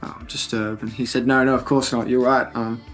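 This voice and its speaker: Man, Australian accent, filmmaker interview, medium pitch, faint background music. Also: flat delivery, fairly quick. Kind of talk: behind-the-scenes interview.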